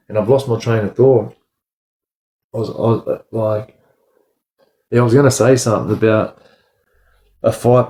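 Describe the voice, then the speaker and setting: On his livestream, a Sydney man talks casually and bluntly in street slang, rambling and repeating himself while addressing listeners as bro or lad. His voice is fairly low with a darkish tone.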